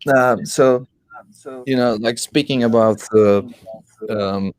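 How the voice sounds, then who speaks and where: A man with a mid-pitched voice chats casually about tech. He explains things haltingly, doubling back on word beginnings. He is heard through a laptop's own microphone. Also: clear, resonant tone, no room sound, poor audio. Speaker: audio software user explaining gear. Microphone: talking through the laptop's built-in microphone.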